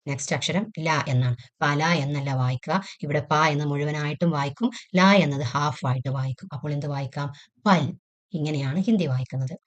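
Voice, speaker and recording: A woman's voice: sits low, a little fast, few pauses, highs cut off. A woman teaching a patient lesson, asking questions and then answering them herself, sounding out letters one at a time. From Kerala. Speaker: Hindi teacher. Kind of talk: classroom-style lesson explanation.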